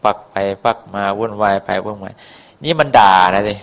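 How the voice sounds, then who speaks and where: A man's voice: on the low side, normal speed, vocal fry. A man telling a folk tale in a casual, rambling way, with many fillers and coarse words. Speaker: storyteller.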